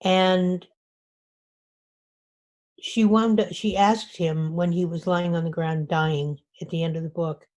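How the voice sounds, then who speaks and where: A woman's voice: on the low side, steady tone, slow, pauses often, darkish tone. A woman author giving an informal talk to a writers group, speaking conversationally with frequent restarts. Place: meeting room.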